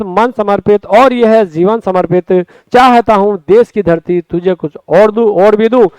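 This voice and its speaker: Lively high-voiced male Hindi tutor. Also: smooth, no room sound, poor audio. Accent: Rajasthani Hindi. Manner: lively, drawn-out words, addresses students as friends. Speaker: Hindi exam coaching teacher. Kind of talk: spoken exam-prep lesson. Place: classroom or studio.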